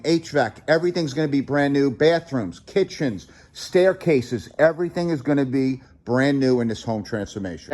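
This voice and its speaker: A man gives an upbeat sales pitch for his renovation company, repeating the key points as he walks through a house stripped to the studs. His voice sits a little high for a man. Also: darkish tone. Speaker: home renovation contractor presenting his company. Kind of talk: promotional walkthrough pitch. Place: gutted house under renovation, indoors.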